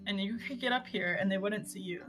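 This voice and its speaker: A woman's voice: mid-range voice, brisk, fairly bright tone, soft background music. A woman playing in a tabletop game, eagerly laying out her plan and searching for the right words. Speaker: player. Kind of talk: casual tabletop game chat.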